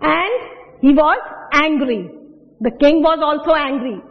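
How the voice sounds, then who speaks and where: A woman's voice: high voice, a little slow. A woman with an Indian English accent teaching a classroom English lesson, patiently asking questions and repeating words. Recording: dull, lo-fi audio with long reverb.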